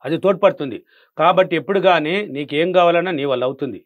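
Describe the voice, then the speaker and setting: A man rattles off his points at breakneck speed, quizzing and repeating himself like an emphatic coach. His voice sits high, and the sound is dry and close. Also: fast talker, no echo, narrow, tinny audio. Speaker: money affirmation coach. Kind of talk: guest in a casual interview.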